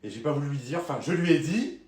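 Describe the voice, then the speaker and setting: Casting: quick male sketch actor, stammering excuses, roomy echo. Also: a little high, expressive, a little mellow. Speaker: sketch comedian playing family members. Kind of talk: comedy sketch acting.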